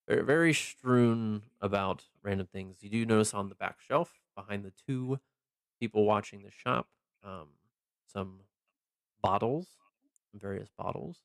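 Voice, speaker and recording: A man narrating a tabletop game as game master, improvising haltingly with many mid-sentence pauses. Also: lowish voice, creaky, clean tone, no echo.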